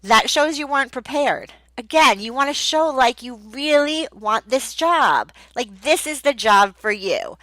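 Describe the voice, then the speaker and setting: Bright-voiced woman giving teaching tips. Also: sits high, animated, no room sound, low-quality recording. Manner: emphatic, repeats key words, acts out slow teacher speech. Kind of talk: casual advice video.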